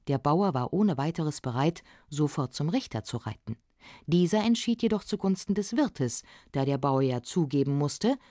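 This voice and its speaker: A woman reading a folk legend aloud in an expressive storytelling voice. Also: sits low, no room sound, clean studio sound. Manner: expressive, shifts voice for the characters.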